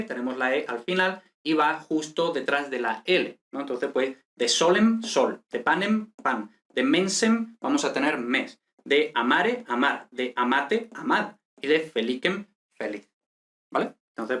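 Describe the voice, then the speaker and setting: A man's voice: a little high, a bit bright. A man from teaching a casual lesson, talking in a chatty way and checking in with the listener often. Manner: chatty, frequent "¿vale?" and "eh" fillers.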